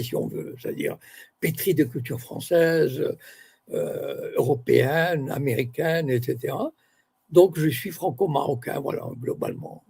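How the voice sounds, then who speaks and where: Appearing as an interview guest, an aging Moroccan academic and author reflects slowly, pausing to find words and correcting what he says. The voice is dark and mellow yet gravelly and husky, a touch higher than typical for a man.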